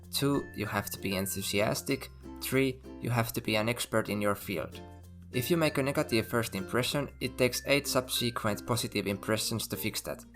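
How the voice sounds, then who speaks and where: A man who hosts the channel, giving a scripted narration and walking through numbered points at a steady explanatory pace. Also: medium pitch. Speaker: channel host. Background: faint background music.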